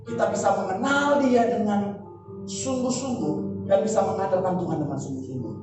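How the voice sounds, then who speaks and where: A man's voice: sits high, moderate pace, music in the background. A male pastor preaching a sermon in a large church, asking rhetorical questions with emphasis. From Indonesia. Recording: echoey church hall from far off.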